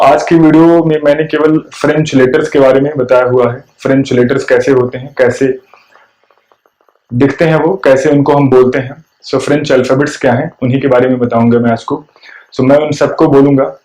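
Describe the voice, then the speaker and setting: A man teaching the French alphabet letter by letter, patiently and slowly, mixing Hindi and English. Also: mid-range voice, darkish tone, roomy sound, poor audio. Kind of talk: language lesson explaining alphabet. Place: room with whiteboard.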